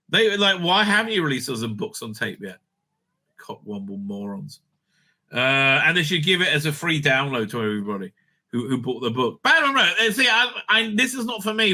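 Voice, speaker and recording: This host's voice runs on the high side, pushed and bright, as he offers off-the-cuff takes on audio drama releases. Blunt and sweary, he rambles, repeats words and voices strong opinions.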